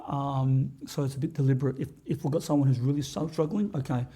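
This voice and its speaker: A man with a very mellow, dark voice and a husky edge talks as a guest on a podcast. He is earnest and halting, often restarting his sentences as he thinks aloud. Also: mid-range voice, steady tone. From Australia. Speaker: podcast guest, business owner. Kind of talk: candid interview talk.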